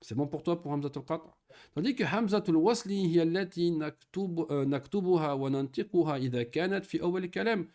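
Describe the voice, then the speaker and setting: A man with a somewhat high voice teaches Arabic grammar to a single student. He explains patiently step by step, pronounces the Arabic words and phrases slowly, and keeps checking that his student has understood. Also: darkish tone. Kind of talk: one-on-one Arabic grammar lesson.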